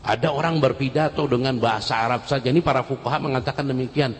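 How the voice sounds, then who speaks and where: A man preaching a sermon, telling a story with sudden high emotional bursts. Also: quick pace. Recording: long hall reverb.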